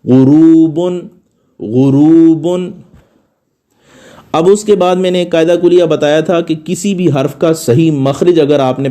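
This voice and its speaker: A man teaching Quran recitation rules, patiently explaining and slowly reciting model Arabic sounds and words. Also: mid-range voice, warm tone. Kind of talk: slow recorded tajweed lesson.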